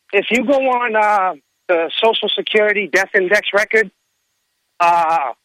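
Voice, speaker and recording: A man calling in to a radio talk show, talking casually in a halting, earnest way. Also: high-pitched, sharp tone, no echo, rough recording.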